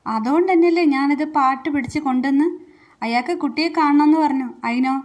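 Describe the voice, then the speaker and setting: Woman voicing a sharp-tongued old aunt. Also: sits high, brisk, lightly acted. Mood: earnest.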